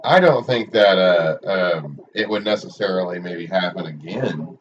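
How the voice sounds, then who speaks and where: A man with an Oklahoma Okie accent chatting casually and haltingly as a sports livestream commentator. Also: deep voice, animated. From Oklahoma, United States. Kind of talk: casual rambling chat during a match stream. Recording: muffled, distant mic with background noise.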